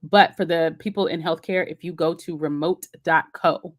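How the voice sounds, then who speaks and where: Woman host, low-pitched, casual live Q&A, chatty and encouraging, lots of ums and restarts. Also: steady tone, normal speed.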